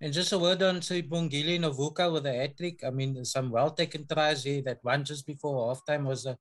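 A man's voice: fairly high pitch, steady tone, a little fast. A man working as a reporter, putting conversational questions to a coach at a press conference.

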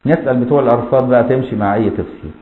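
A man's voice: medium pitch, racing, roomy sound, narrow, tinny audio. A man with an Egyptian accent teaching a lesson on a classic legal text, explaining step by step and asking his students rhetorical questions. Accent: Egyptian Arabic. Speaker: Islamic law teacher.

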